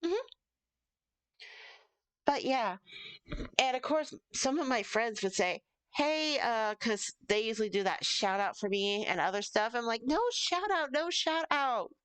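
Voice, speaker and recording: A woman with a smooth, clear voice chats casually as a stream host. She rambles along playfully, and the sound is dry and close, free of room echo. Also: fairly high pitch, a little slow, pauses often, a bit bright. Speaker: streamer hosting an interview stream. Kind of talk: casual chat.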